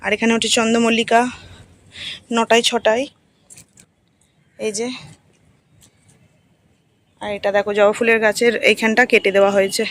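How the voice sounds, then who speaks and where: A woman chatting slowly to viewers in a casual home vlog, a bit tired and unwell, filming on her phone as she walks around. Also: on the high side, flat delivery, no echo. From India. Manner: soft, slow-paced, tells viewers what she does. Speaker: vlogger. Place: home and garden.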